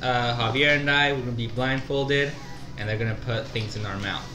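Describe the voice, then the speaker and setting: A man co-hosting a casual challenge video, playful and quick to laugh. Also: medium pitch, steady tone, roomy sound, background noise. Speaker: channel co-host. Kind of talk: casual chat.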